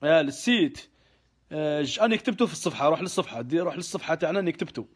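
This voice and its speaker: A man's voice: on the high side, expressive, rapid-fire, slightly rough. A man with an Algerian Arabic accent hosting a casual live question-and-answer stream. He mixes in French words, answers offhandedly and gets heated when he vents.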